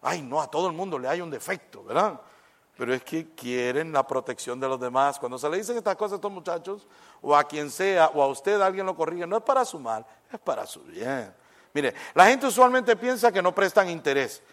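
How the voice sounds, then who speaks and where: A man preaching a sermon, lively and conversational, acting out little exchanges and dropping in English phrases. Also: a little high, fairly quick. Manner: animated, acts out little dialogues, mixes in English phrases.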